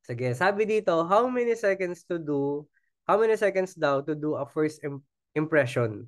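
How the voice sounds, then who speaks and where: Filipino man, sales trainer, chatty, coaxing, smooth resonant voice, dry close sound. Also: on the high side, expressive, normal speed, no room sound. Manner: keeps asking the audience "di ba?", chatty and coaxing. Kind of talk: casual Taglish training talk.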